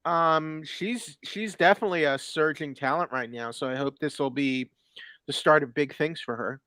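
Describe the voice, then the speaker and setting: A man's voice: a little high, moderate pace, bright, forceful tone, no room sound. A man co-hosting a casual chat about a TV premiere, talking with many fillers and restarts. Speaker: watch party co-host. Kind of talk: casual pop-culture chat.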